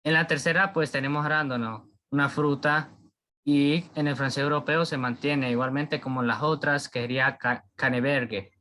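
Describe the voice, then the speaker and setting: A man giving an informal class presentation, often pausing and searching for words mid-sentence. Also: on the high side, fairly even intonation, sharp tone. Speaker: presenter explaining a topic.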